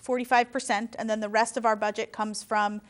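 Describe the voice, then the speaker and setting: Appearing as a guest on a talk show, a woman earnestly explains the services of a domestic violence program, giving informative interview answers with some restarts. Her fairly high voice stays level in tone and moves a little fast.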